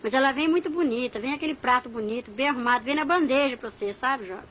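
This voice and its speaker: A middle-aged Brazilian woman giving a church testimony, telling her story in an animated way and acting out the dialogue. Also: high voice, quick pace. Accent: Brazilian Portuguese. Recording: muffled lo-fi recording with faint room noise.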